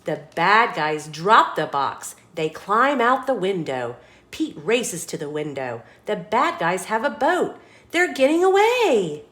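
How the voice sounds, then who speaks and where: Reading a picture book to children, this woman plays the storytime host with drama and expression, pausing to quiz her young audience. She speaks slowly at a medium pitch.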